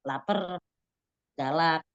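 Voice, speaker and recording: A woman giving a casual religious study talk, lively and acting out quoted voices. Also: low-pitched, very slow, dry recording. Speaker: religious teacher. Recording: dull dry lo-fi recording.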